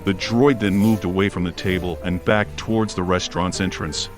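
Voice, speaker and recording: A man with a low, steady voice narrates scripted fiction as an audiobook reader, telling the story in prose at a normal speed. Faint music plays behind his narration.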